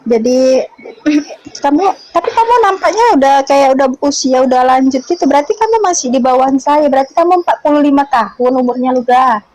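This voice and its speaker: A woman's voice: high-pitched, lively intonation, a little fast, darkish tone, dry recording, low-quality recording. A woman in her late forties calling in to a live stream, chatty and rambling, repeating the host's name. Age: 40s. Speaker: caller. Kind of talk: casual live-stream chat.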